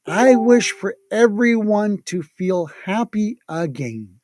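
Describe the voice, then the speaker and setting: A narrator voicing an earnest, wistful little girl in a children's storybook tale, speaking softly. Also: mid-range voice, expressive, slow pace, no room sound, clean studio sound. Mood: hopeful. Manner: soft, wistful. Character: sad, earnest, soft-spoken little girl.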